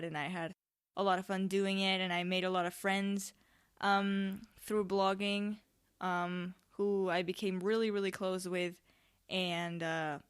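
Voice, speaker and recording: Teenage woman, smooth clear voice, average pitch, casual solo podcast host, rambling, self-interrupting, dry recording. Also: fairly bright tone. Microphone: microphone on a tripod.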